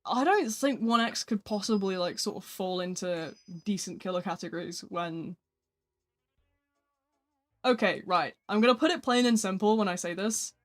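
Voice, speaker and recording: Answering messages from viewers mid-stream, the gamer keeps a flat, casual tone. The voice sits in the middle range and moves at normal speed.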